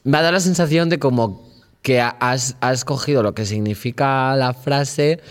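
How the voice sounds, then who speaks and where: A man's voice: medium pitch, normal speed. A man, co-hosting a podcast in a chatty, playful, ironic way. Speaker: podcast co-host. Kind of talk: casual podcast chat.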